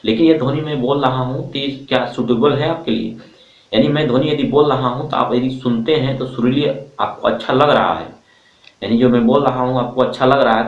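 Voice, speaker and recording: A male teacher lectures his students, posing questions and repeating each answer so they can write it down. His voice sits at an ordinary middle pitch. The sound bounces around a roomy space and comes from some distance away from the mic. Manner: addresses students as dear children, repeats questions for the class to answer. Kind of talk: classroom lecture. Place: classroom with a board. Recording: roomy, from far off.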